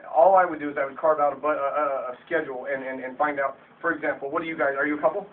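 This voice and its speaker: A man with a high voice rattles through a blunt motivational Q&A talk to his sales team, tripping over his own restarts as he gets worked up. He is heard from across a meeting room. The camera audio is tinny, phone-like and faintly hissy. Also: fairly even intonation, rapid-fire, recorded from a distance.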